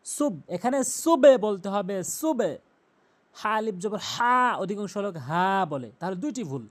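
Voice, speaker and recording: Man slowly teaching Quran pronunciation. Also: high-pitched, sing-song. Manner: spells out letters and vowel marks slowly, then repeats words; draws out recited words very slowly. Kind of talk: step-by-step pronunciation lesson.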